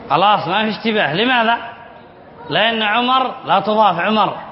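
A man's voice: high voice, expressive, a little fast, slight background noise. A sheikh teaching Arabic spelling rules in a classroom lesson, reading from a text and explaining it, repeating key words and quizzing his students. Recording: echoey hall, dull lo-fi sound.

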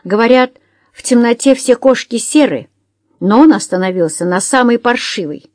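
A woman's voice: lively intonation, darkish tone, dry recording, clean studio sound, close to an everyday voice. A woman voicing a drunk, spiteful society woman who jeers shrilly and drawls her insults. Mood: furious. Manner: shrill, jeering, slow and scornful.

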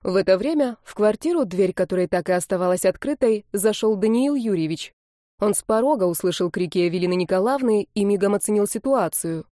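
A woman narrates an audiobook with steady, dramatic storytelling. Her voice is dark and mellow at a middle pitch, recorded close on a studio mic in a dry room. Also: a little fast, no room sound. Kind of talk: scripted narration.

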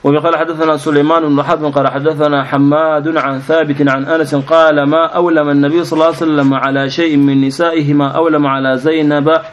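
Fast, even-toned man reading hadith. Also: a little high, highs cut off, slight background noise. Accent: Sudanese Arabic. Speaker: student reading hadith aloud.

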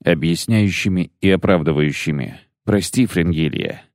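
A man's voice: low-pitched, moderate pace, a little mellow, dry recording, studio quality, close to an everyday voice. A man voicing a terse, weary witcher. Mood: strained. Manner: curt, reluctant, few words. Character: terse weary male witcher, guarded and quiet. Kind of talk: audiobook character voice.

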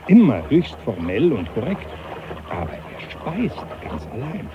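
A man acting in a German radio drama as a jovial, teasing older professor, animated and patronising in an avuncular way. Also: mid-range voice, unhurried. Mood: jovial, explaining. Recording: dull radio drama, loud background noise.

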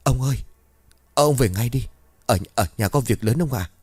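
A man's voice: mid-range voice, moderate pace, a little mellow, husky, no echo, voice pushed up, natural voice. A man voicing a frightened young villager who stammers and trembles as he speaks. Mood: panicked.

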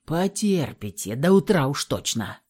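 Woman doing a male thug, low, coarse, mocking, swearing, lively swings, audiobook voice. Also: a little slow, husky, heavily acted. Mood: mocking crude. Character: crude drunk male thug guard. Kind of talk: audiobook reading.

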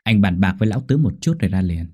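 A man's voice: low-pitched, lively intonation, fast, mellow. A man voicing a smug, cruel male surgeon who traffics organs.

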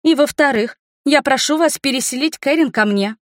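A cheeky young sorceress bursts in, high and quick, bossing everyone about, as a woman reader puts her on. Her voice sits raised above a plain reading tone, bright and pushy. The recording is dry and close, a storybook read aloud. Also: no room sound, natural voice. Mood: bubbly, pushy. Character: brisk cheeky young woman student, an air mage.

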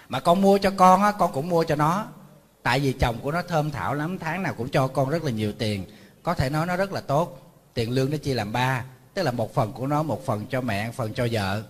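A husky-voiced man, a monk, preaching in a chatty, storytelling way. He addresses his audience directly and slips into scolding asides as he acts out family quarrels. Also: medium pitch. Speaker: Buddhist monk teacher. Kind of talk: conversational sermon to an audience.

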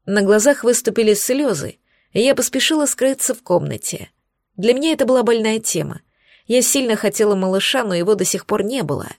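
Female audiobook reader, first-person narration, even, expressive, close dry studio sound. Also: a little high, a little fast, no echo.

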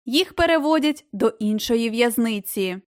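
A woman's voice: fairly high pitch, expressive, measured pace, no echo, clean studio sound. Earnest young girl read by a woman. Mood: emotional. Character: young girl, tender and anxious.

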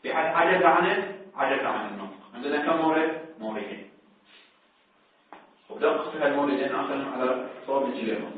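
Fast-talking man teaching law. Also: fairly high pitch. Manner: questions students, repeats words for emphasis. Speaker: seminary teacher. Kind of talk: religious law lecture. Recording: distant, echoey, phone-like.

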